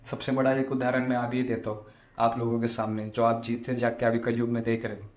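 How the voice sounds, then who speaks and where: A man's voice: mid-range voice, completely flat delivery, a little fast, a little mellow. A man giving a devotional discourse as a spiritual storyteller, explaining and repeating phrases for emphasis. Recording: echoey room sound.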